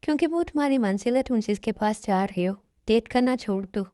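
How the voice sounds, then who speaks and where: A calm, wise young woman, voiced by a woman in an amateur dubbed love story, speaking in poetic advice. Her tone is fairly high and mellow, and the sound is dry and close. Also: brisk, no echo, close to an everyday voice. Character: young woman on a date, wise and self-sacrificing.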